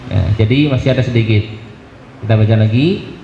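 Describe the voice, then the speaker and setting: A man teaching Quran recitation, explaining pronunciation and chanting each syllable slowly for a group to repeat. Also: fairly low pitch, gravelly, mellow. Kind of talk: tajweed lesson with call-and-response drills. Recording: echoey hall, dull lo-fi sound, faint hiss.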